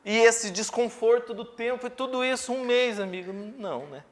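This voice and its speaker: A Brazilian man preaching in a fairly high, ringing voice. He stays emphatic and lively, sometimes swerving into a playful joke before driving his point home. He sounds like a pastor working a church crowd. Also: normal speed. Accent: Brazilian Portuguese. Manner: animated, emphatic preaching with joking asides. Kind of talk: sermon. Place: church congregation.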